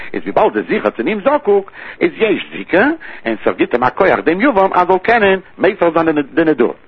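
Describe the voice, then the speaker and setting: A man's voice: fairly high pitch, slightly rough, no echo. A man teaching a traditional religious text study lesson in a sing-song study cadence, repeating key terms as he works through the passage. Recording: tinny phone-line recording.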